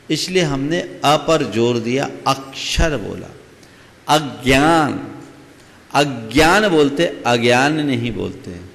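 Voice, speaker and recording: A man giving a slow, deliberate religious discourse to an audience, explaining and asking them questions. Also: fairly high pitch, gravelly, a bit bright, long reverb tail. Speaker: Jain monk giving a discourse. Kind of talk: sermon.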